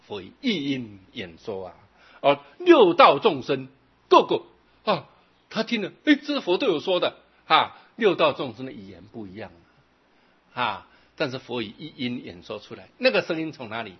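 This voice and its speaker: Husky, animated man giving a sermon. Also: on the high side. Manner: animated and conversational, often adding "对不对"; slow, drawn-out recitation of scripture verses. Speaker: Buddhist dharma teacher. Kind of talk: sermon to a live audience. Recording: dull lo-fi recording.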